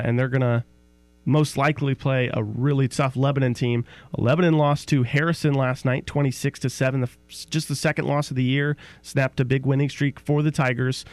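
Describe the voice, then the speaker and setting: A man co-hosting a local sports talk show, running through scores and picks in a relaxed way. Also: mid-range voice, no echo. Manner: reads scores briskly, relaxed chat.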